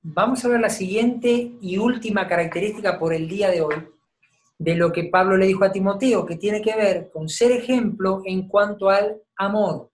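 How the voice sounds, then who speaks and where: A woman's voice: mid-range voice, moderate pace, darkish tone. Woman, Bible teacher, teaching sermon, explanatory, checks in with listeners.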